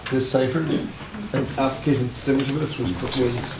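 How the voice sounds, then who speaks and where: A man chairs a public commission meeting, reading items in a measured, slightly halting way. He sounds well off the microphone in a boomy room, with clear noise underneath. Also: steady tone. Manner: measured, reads the agenda, hesitant fillers. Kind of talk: formal meeting procedure. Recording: echoey room, distant mic, background noise.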